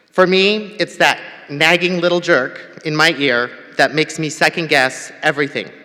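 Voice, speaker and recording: A man's voice: on the high side, pushed and bright. A man born in Tanzania giving a candid, personal convocation speech with light humor. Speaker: convocation speaker. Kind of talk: prepared ceremony speech. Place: large hall. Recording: long hall reverb.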